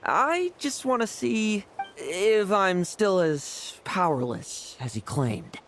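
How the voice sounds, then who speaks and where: A boastful young knight officer from a fantasy game. He teases playfully, his pitch moving freely from line to line. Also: big pitch swings, slow, background noise, exaggerated voice. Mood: provoking. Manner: teasing, boastful. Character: cocky, playful young knight vice captain. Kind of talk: video game voice acting.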